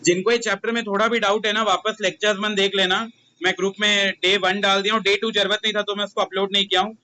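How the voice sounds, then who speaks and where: Young male commerce tutor, Indian accent, bright high voice, chatty and teasing, faint room noise. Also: little pitch movement, fast talker, rough recording. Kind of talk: casual classroom talk.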